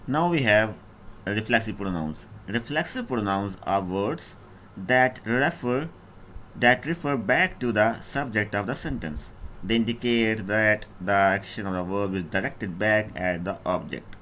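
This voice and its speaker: A man's voice: lowish voice, unhurried, a bit bright, slight background noise. A man teaching an English grammar lesson who reads each definition, restates it in his own words, and lists example words one by one.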